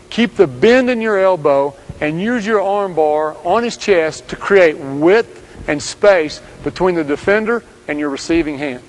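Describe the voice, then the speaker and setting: Playing a basketball coach, a man narrates scripted instructions in a calm, commanding tone. He has a high voice, and the recording is low quality.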